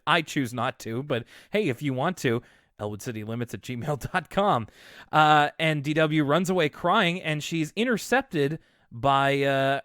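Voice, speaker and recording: A man's voice: fairly high pitch, fairly bright tone, no echo, studio quality. A man co-hosting a podcast, recapping a cartoon episode in a chatty, wry way with many fillers. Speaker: podcast co-host. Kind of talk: casual chat.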